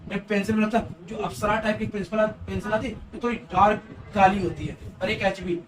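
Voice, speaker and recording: A male teacher with a high voice talks students through exam tips. He coaxes and repeats himself. He sounds set back from the mic, with clear room noise behind him. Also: fairly even intonation, quick pace. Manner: coaxing, repetitive advice to students. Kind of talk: exam-prep class lecture. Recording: noisy room, voice from a distance.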